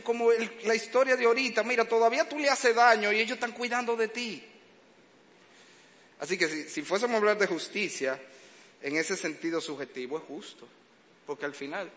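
A father of young children preaches in a high, fairly bright voice, weaving humorous family stories into his sermon and acting out the sounds and cries involved. The recording carries a long hall reverb along with faint background noise.

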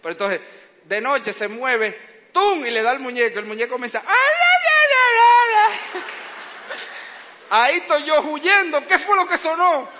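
A man preaching, his voice sitting high and sounding sharp and bright. He tells lively stories of fatherhood, acting out sounds as he goes. The sound carries a long hall reverb over a faint background hiss. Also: moderate pace. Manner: animated storytelling, acting out sounds and cries. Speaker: preacher, father of young children. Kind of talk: sermon with humorous family anecdotes.

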